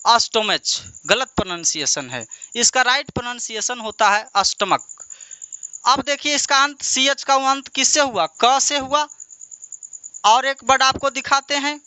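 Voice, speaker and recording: A male teacher works through a lesson with a crisp, resonant voice that carries a bright edge. He keeps turning each answer back into a question for his students and encourages them patiently. The sound is close and dry. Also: very high voice, animated, moderate pace, no room sound. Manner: repeats answers as questions to the class. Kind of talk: classroom lesson at a board.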